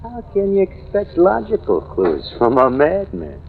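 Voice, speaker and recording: In a tinny, noisy vintage radio recording, a man plays a cocky, hard-drinking American newspaperman in an old-time radio drama, theorizing about a killer. He sounds insistent and slangy, using a full character voice that is high-pitched with huge pitch swings, a little slow, and touched with vocal fry.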